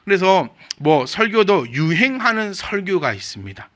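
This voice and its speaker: Speaking at a measured pace, this man has a high-sitting, slightly bright voice with big swings in pitch. He's a pastor with a Gyeongsang Korean accent, giving a conversational, funny sermon full of questions to the congregation.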